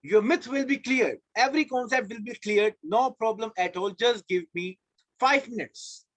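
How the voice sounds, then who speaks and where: A man's voice: very high-pitched, moderate pace, a bit bright, no room sound. A man with an Indian accent teaching a live online class, emphatic and repeating key phrases. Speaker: law teacher. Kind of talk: live online lecture to students.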